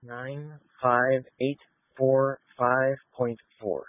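A man's voice: medium pitch, little pitch movement, very slow, no room sound. A man, a police officer, checking in with terse radio codes over a police radio. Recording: narrow-band dry radio transmission.

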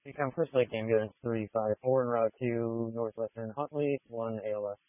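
A man's voice: mid-range voice, fairly even intonation, a little fast, dry recording. A man on an ambulance crew giving formulaic status reports over the radio. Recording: narrowband ambulance radio transmission.

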